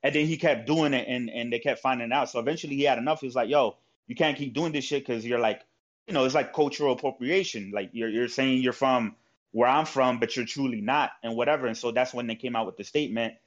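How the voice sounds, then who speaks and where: A man's voice: medium pitch, fast. A man talking in a casual, rambling way with lots of fillers and swearing. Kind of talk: casual chat. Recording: dull lo-fi audio.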